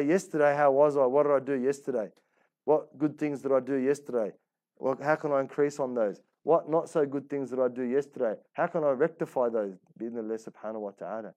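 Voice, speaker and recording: In a religious class delivered like a conversational sermon, a man teaching Islam speaks in a warm, medium-pitched voice. His colloquial style leans on rhetorical questions, repetition, and Arabic religious phrases, and he acts out inner voices.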